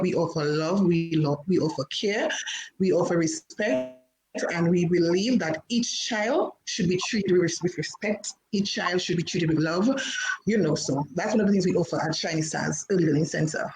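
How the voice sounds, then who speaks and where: A woman's voice: fairly low pitch, a little mellow. A woman who owns a preschool and is a parent, speaking earnestly as a radio guest and repeating phrases for emphasis. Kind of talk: radio interview. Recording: echoey room, faint background noise.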